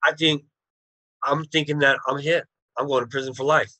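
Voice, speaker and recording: In his thirties and appearing as a guest on a video call, a man bluntly tells his life story in plain street slang. His voice is a little high, steady, pushed and bright, at a moderate pace, in a dry recording.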